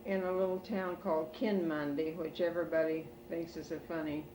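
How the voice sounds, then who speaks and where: An older woman with an American Midwestern accent reminisces about family history in a halting way, pausing as an oral history interviewee at home. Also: deep voice, little pitch movement. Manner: halting, slow elderly reminiscing with pauses. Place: in a room at home. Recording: roomy, distant home recording with background noise.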